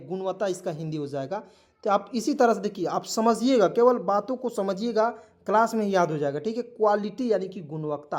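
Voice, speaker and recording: A man's voice: high voice, darkish tone. Hindi-accented man teaching English, repetitive. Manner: repetitive, keeps asking "ठीक है" and quizzing; spells words letter by letter. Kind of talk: online spoken-English lesson.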